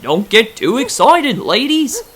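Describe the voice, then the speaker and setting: A folksy, no-nonsense storybook farm man, put on by a woman. His pitch is lively, and clear noise sits behind the voice. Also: slow. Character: matter-of-fact rustic farm man. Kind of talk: storybook character voice.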